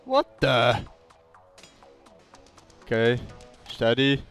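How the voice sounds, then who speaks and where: A man giving jokey, excitable gameplay commentary, yelling exclamations, swearing, and talking to things in the game. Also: medium pitch, extremely slow, soft background music. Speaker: gaming video creator.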